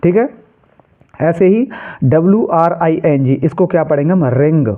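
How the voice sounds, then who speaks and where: Man, teacher, lesson, spells letters aloud, quizzes himself, slightly high voice, phone-like audio. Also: animated, normal speed. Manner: spells letters aloud and asks questions, then answers them himself. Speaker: English teacher. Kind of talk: classroom-style lesson. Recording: tinny phone-like sound.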